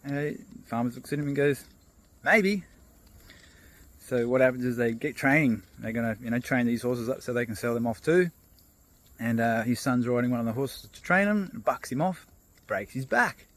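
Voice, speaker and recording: A man's voice: medium pitch, a little fast. Laid-back man telling a story outdoors. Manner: relaxed, loose, with fillers and restarts. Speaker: motivational vlogger. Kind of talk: casual storytelling vlog. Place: outdoors on a walk.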